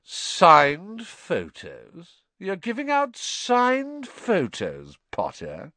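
A spiteful schoolboy bully, played by a man, sneering and smirking through every phrase. The pitch swoops widely as he mocks, in a dry audiobook recording. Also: very animated, takes it slowly, fairly bright tone, no echo, full character voice. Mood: loud, scathing. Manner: scathing, mocking, smirking. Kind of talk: audiobook character voice.

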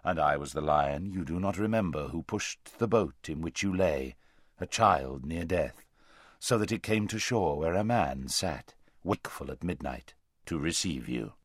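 A man voicing a vast, deep, slow lion. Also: expressive, dry recording, clean studio sound, exaggerated voice. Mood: solemn. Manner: slow, grave, gentle. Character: huge, calm, deep-voiced male lion.

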